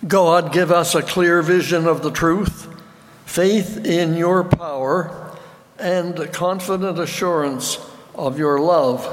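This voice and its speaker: A man leading a church service from the pulpit in a measured, formal manner, his voice carrying a cathedral-like church echo. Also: fairly high pitch, a little hiss or hum. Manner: measured, formal, unhurried delivery. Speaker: minister leading a broadcast service. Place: church sanctuary, from the high pulpit. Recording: long church reverb.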